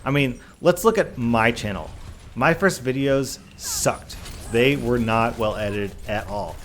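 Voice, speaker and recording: Male gaming YouTuber answering questions: conversational, sincere and emphatic, mid-pitched, with slight noise behind the voice. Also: expressive, unhurried, fairly bright tone. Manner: earnest, emphatic, repeats phrases in runs for emphasis. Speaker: YouTube gaming content creator. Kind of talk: casual Q&A vlog talk, reading questions and answering.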